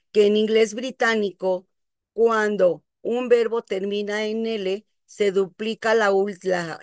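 A woman teaching pronunciation in an unhurried, patient way and often checking that her students follow. Her voice sits at an ordinary pitch and sounds dry and close, with no room echo. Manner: patient, explanatory, checks understanding. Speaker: English teacher.

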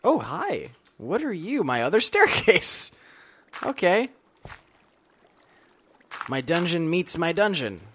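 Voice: medium pitch, very animated, slow, pauses often, fairly bright tone, slight background noise. A video game host giving casual, playful commentary while playing, chatting to themself with silly asides. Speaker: let's play host.

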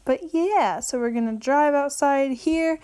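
A woman's voice: high-pitched, unhurried, dark tone, poor audio. A young woman chatting casually to her viewers as she films herself on a phone, laughing often. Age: young adult. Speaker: vlogger. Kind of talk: casual vlog. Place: horse barn, partly outdoors in rain. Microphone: phone camera held at arm's length. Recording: phone audio with barn noise.

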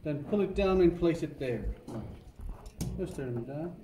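Speaking unhurriedly in an animated voice that's on the high side yet dark in tone, a Turkish-accented man guides a tour of a carpet factory. He explains every step with patience and keeps checking in with "okay?" The audio is distant, noisy, and full of room echo.

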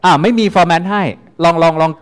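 A man's voice: a little high, steady tone, fast, clean tone. A man teaching a university class, talking casually and repeating instructions to coax students into group work. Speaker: university lecturer. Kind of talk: classroom lecture. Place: lecture hall. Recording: reverberant lecture hall.

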